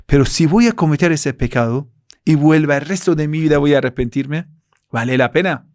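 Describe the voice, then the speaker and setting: A man's voice: on the high side, animated, brisk, a little mellow, dry recording, studio quality, lightly acted. A man with a Persian accent voicing a naive, devout worshipper who earnestly pleads for an answer. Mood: pondering.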